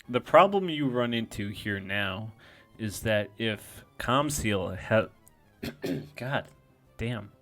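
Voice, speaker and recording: A man's voice: on the low side, a bit bright. A man giving casual, self-deprecating play-by-play commentary on a competitive game, thinking aloud as he goes.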